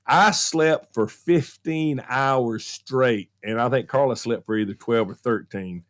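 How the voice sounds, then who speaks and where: A man's voice: medium pitch, unhurried. A middle-aged man with a Southern US accent, telling a funny story on a talk show and acting out the voices with plenty of laughs. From American South. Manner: animated storyteller, acts out quotes, laughs often. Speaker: radio show regular, movie critic.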